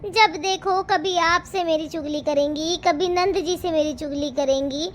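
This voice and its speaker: A woman's voice: very high-pitched, fairly even intonation, a little slow, slight background noise. A woman playing a young daughter-in-law who answers back and complains about her mother-in-law. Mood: defiant.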